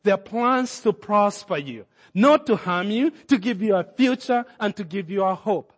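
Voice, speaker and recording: A Kenyan pastor with a high-sitting, lively voice preaches at a moderate pace, building his sermon to emphatic peaks and acting out the words of the people in his story. A long hall reverb surrounds him.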